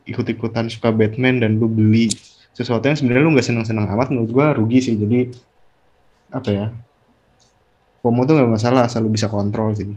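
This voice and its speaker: A man's voice: medium pitch, a little mellow, husky, dull audio. A man talking as a guest on a casual podcast, easygoing and thinking aloud with fillers.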